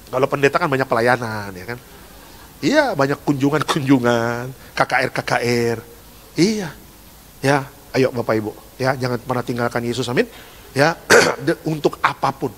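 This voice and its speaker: A man preaching a lively, joking sermon, swinging between hushed asides and loud exhortation. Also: medium pitch, moderate pace. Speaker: pastor. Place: large church hall. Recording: reverberant church hall.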